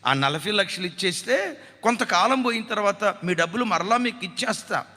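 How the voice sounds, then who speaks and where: A man voicing a scheming brother-in-law who smoothly coaxes his widowed sister-in-law for money. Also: sits high, animated, normal speed, bright, forceful tone, in a large hall, exaggerated voice. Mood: coaxing.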